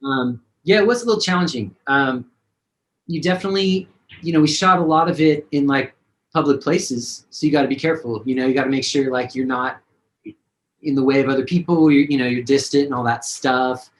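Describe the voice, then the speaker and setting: A man's voice: medium pitch, fairly quick, poor audio. A man, a singer-songwriter, talking casually and rambling with many fillers in a video-call interview.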